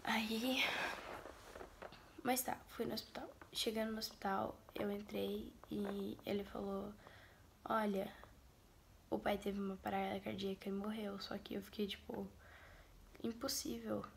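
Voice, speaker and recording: A woman with a Brazilian Portuguese accent tells a personal story to camera as a vlogger. She speaks in a soft, breathy, half-whispered voice, sombre and grieving. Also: mid-range voice, level tone, a little slow, pauses often, slight background noise.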